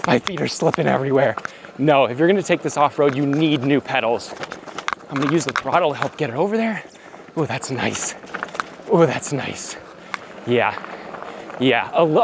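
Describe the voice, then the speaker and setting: A man reviewing an electric bike, talking enthusiastically to viewers while riding mountain bike trails outdoors and getting out of breath. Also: a little high. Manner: enthusiastic, exclamatory, addresses viewers as guys. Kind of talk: excited ride-along commentary. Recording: outdoor recording with loud wind and riding noise.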